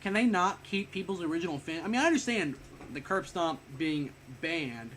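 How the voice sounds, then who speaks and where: A man's voice: on the high side, animated, normal speed, a bit bright, slight background noise. A young man giving a rambling, casual spoken wrestling review, a bit sick and short of breath, often correcting himself and swearing offhand.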